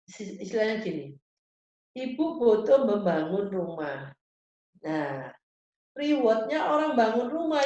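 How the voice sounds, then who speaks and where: A woman's voice: a little high, darkish tone. A woman giving a seminar talk to parents, speaking conversationally and acting out short firm instructions. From Indonesia. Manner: conversational, addresses audience as Ibu, acts out firm instructions. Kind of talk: seminar lecture answering parents' questions. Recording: echoey hall, dull lo-fi sound.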